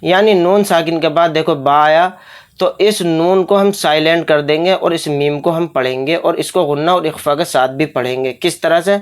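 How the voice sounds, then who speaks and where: A Quran recitation teacher giving a step-by-step lesson. The teacher spells out each syllable slowly, explains each rule in brisk asides, and answers their own questions. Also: mid-range voice.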